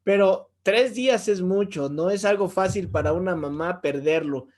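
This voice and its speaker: Lively Mexican pastor teaching a Bible lesson. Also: male voice, high-pitched, normal speed. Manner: lively, asks the audience rhetorical questions; jokes and chuckles while telling stories.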